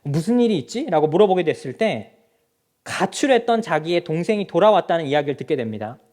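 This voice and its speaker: High, animated male pastor preaching. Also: fast. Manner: preaching directly to the congregation, asking rhetorical questions. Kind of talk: sermon. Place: church sanctuary.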